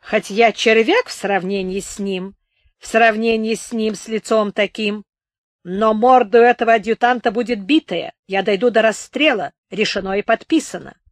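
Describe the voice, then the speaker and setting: A woman's voice: mid-range voice, moderate pace, no room sound, studio quality, natural voice. Woman reading a bombastic talkative officer. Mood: declaiming. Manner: exclamatory and theatrical, declaiming with pathos. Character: voluble, bombastic middle-aged male officer.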